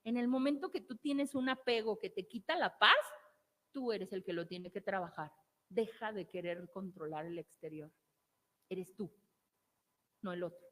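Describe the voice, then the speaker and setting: A woman's voice: medium pitch, moderate pace, long pauses, fairly bright tone. A woman therapist with a Mexican accent giving an emphatic motivational talk, repeating key phrases and asking rhetorical questions. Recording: long hall reverb.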